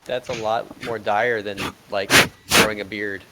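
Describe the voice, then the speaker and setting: A man's voice: lowish voice, steady tone, measured pace, pushed and bright, rough recording. A man chatting casually as a player in a tabletop game. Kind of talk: casual chat.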